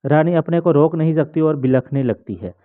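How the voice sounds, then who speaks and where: A man's voice: fairly high pitch, moderate pace. A man reading a play aloud, plainly reading out the stage directions. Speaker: reader. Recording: tinny phone-like sound.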